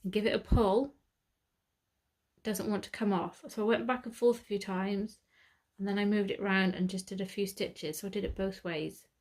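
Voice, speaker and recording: A British woman works through a sewing tutorial one step at a time, chatting, thinking aloud, and self-correcting. Her mid-range voice is a little mellow, with fairly even intonation and a normal speed.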